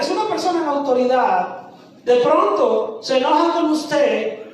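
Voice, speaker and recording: High-voiced woman preaching in an echoey church. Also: a little hiss or hum. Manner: preaching with rhetorical questions to the congregation. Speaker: pastor. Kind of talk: sermon. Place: church sanctuary. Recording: echoey church from far off, faint music.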